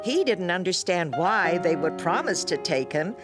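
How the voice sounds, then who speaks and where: A woman giving scripted, clear storybook narration for a children's cartoon. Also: lowish voice, big pitch swings, moderate pace, over music.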